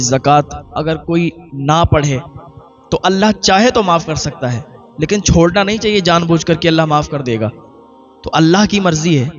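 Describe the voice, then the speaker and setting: Higher-voiced man preaching a story sermon. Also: lo-fi sound.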